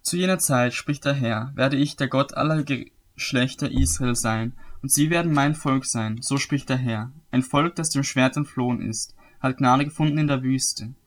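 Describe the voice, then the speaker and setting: Man reading scripture aloud. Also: mid-range voice. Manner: steady, measured reading with occasional slips and self-corrections. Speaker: Bible reader.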